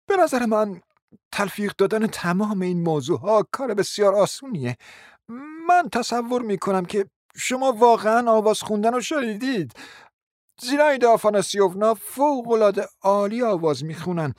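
A performer voicing a young man, a suitor, explaining in a soft, measured way in a radio play. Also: medium pitch, animated, dry recording, clean studio sound, lightly acted. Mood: calm. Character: young male suitor, calm and reasoning.

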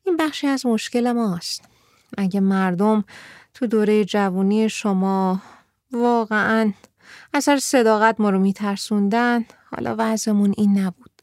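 A woman's voice: mid-range voice, gravelly, dry recording, clean studio sound. A woman reading a serious teenage girl. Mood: earnest. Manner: earnest, reflective, sometimes laughing softly.

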